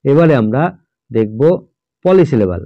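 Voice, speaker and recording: A man's voice: mid-range voice, sing-song, no room sound, lo-fi sound. Man teaching English grammar step by step. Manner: slow, sounds words out letter by letter; checks in often with "all right?". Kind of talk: explaining a grammar lesson.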